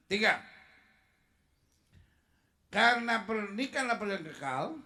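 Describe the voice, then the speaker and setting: A man preaching with a bright, high voice that leaps all over its range. He is animated and joking, and keeps pulling the congregation into call-and-response. Every point lands with energy. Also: gravelly. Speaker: pastor. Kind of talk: sermon.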